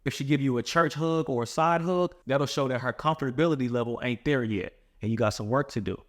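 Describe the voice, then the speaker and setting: Dude giving dating tips straight to camera, blunt and slangy, keeps saying bro. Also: male voice, medium pitch, a little fast. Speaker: dating coach. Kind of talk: direct-to-camera advice monologue.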